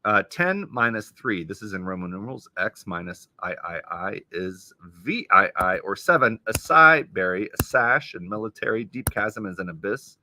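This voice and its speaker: A man's voice: on the low side, animated, moderate pace, hardly any pauses, pushed and bright. A man hosting a casual live stream, reading crossword clues aloud and chatting about them as he goes.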